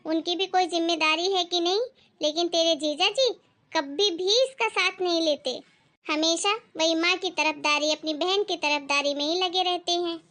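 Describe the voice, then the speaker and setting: Woman playing a shrill scolding mother-in-law. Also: normal speed. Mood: complaining. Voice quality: scolding, sharp-tongued. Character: bossy, cruel Indian mother-in-law. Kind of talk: Hindi family drama acting.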